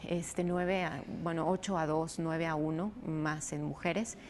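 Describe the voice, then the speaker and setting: A woman doctor answers interview questions in a lowish voice, explaining step by step with fillers here and there. Faint noise hums behind her. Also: fairly even intonation. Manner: explanatory, measured, frequent fillers. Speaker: rheumatologist guest.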